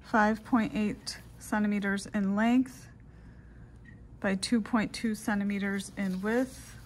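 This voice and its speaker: Female medical instructor, deliberate dictating delivery with spoken punctuation, noisy room recording. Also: medium pitch, steady tone. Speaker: pathology lab instructor. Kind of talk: dictating a specimen report, punctuation spoken aloud.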